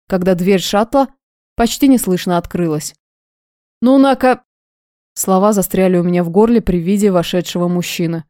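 A woman's voice: mid-range voice, warm tone, no room sound, clean studio sound. Woman narrating a first-person audiobook.

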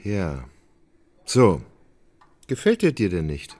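An unhurried, soft-spoken nobleman in a radio drama, expressive, music underneath. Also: deep voice, husky, no echo, full character voice. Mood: weary. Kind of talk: radio play acting.

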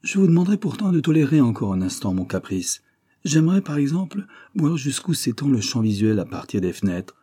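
A man reading an audiobook, voicing a sharp, commanding detective who speaks briskly and insistently. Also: mid-range voice, sing-song, breathy edge, dry recording, voice pushed up. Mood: polite insistence. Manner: brisk, insistent, quick to exclaim. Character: sharp, commanding male detective, middle-aged.

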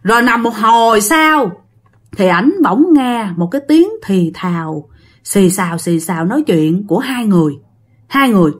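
A woman's voice: expressive, moderate pace. A woman with a Southern Vietnamese accent telling a ghost story in a casual, chatty way, often turning to her listeners, with dramatic rises and drops in her voice. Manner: dramatic swings in pitch and loudness.

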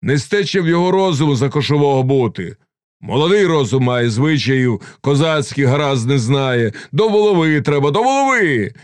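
A man voicing a rowdy crowd of male cossacks shouting demands at an assembly. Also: medium pitch, animated, normal speed, dry recording, pitched above the performer's own voice, lightly acted. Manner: shouting, brash.

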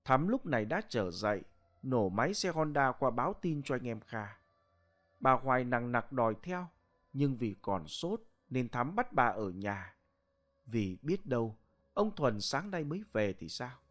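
A man's voice: medium pitch, big pitch swings, fairly bright tone. Man narrating a ghost story. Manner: slow, dramatic storytelling.

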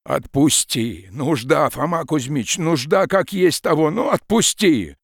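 Man doing a frantic desperate peasant, shrill. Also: animated, a little slow, creaky, no room sound, studio quality, full character voice. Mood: pleading. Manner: shrill, shouting, cursing. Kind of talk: audiobook reading.

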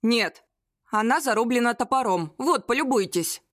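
A woman's voice: fairly high pitch, lively intonation, normal speed, no room sound, studio quality, lightly acted. A woman voicing a stern, sarcastic male police investigator. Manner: stern and mocking.

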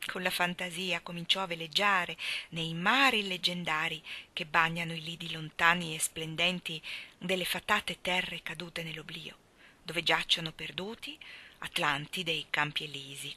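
A woman reading a novel aloud, softly and sometimes almost whispering. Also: lowish voice, steady tone, normal speed. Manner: soft, hushed at times. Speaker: audiobook reader. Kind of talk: literary narration.

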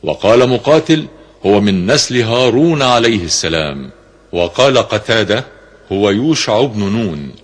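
A man reading a classical scripture commentary in a formal, measured way, slowing down for quoted verses, on a radio broadcast recording. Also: lowish voice, expressive. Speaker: reader of Quran commentary.

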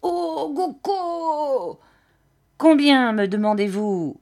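A woman's voice: high voice, sing-song, extremely slow, darkish tone, voice pushed up, exaggerated voice. A woman voicing a ferocious, drunken old male rag dealer who wails his words in a shrieking sing-song.

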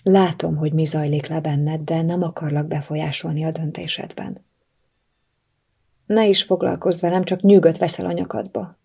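A woman reading the lines of a young heroine in an audiobook, speaking in a soft, earnest way. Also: low-pitched, steady tone, gravelly, slightly rough, full character voice. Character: young woman, heartbroken but caring heroine.

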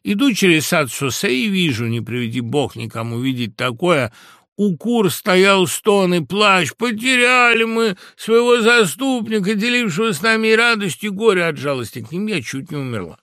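A man voicing a crafty, flattering female fox in a storybook reading, sweet-talking and theatrical. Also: mid-range voice, a little fast, few pauses, no echo, studio quality. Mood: sly flattery. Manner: sweet, theatrical, falsely gushing.

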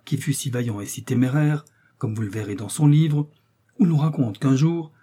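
A stubborn, blustering innkeeper, as a man reads him in an audiobook, who defends his books of knights with gusto. Dark, husky tone throughout. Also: medium pitch, normal speed, close to an everyday voice. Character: stubborn old innkeeper in love with chivalry books. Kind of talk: audiobook reading.

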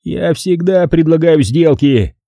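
A man reading an audiobook, voicing a cold, domineering male casino boss who speaks calmly and curtly. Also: high voice, normal speed, slightly rough, no room sound, clean studio sound, voice pushed up, full character voice. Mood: menacing. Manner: calm, menacing and curt.

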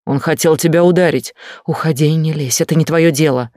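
An indignant wife who stands up for herself, read by a man. Her lines are firm and defiant. The voice is slightly high and dry. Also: fairly even intonation, a little fast, a little mellow, no room sound, close to an everyday voice. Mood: frantic. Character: hurt, indignant wife, adult woman.

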